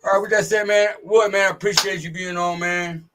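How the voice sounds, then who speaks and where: A man's voice: sits high, fairly even intonation, fairly quick. A man hosting a casual livestream sports show in slangy, bro-like buddy talk. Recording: noisy mic with clicks.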